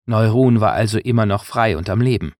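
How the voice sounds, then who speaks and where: A man reading an audiobook in measured scripted narration. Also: lowish voice, a little mellow, no echo, clean studio sound.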